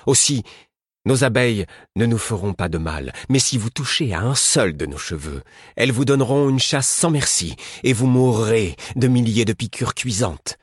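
A man's voice: medium pitch, lively intonation, moderate pace, husky, dry recording, clean studio sound, voice pushed up. A man reading an audiobook voices a fierce mother threatening her enemies, menacing and at times coaxing. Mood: defiant threat. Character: fierce mother beekeeper woman, defiant and threatening. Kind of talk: audiobook character voice.

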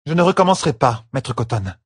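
A man's voice: medium pitch, big pitch swings, fast talker, slightly rough, dry recording, studio quality, voice pushed up. A man voicing a sorceress in an audiobook, making a grudging, formal promise. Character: contrite woman sorceress, grudging. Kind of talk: audiobook character voice.

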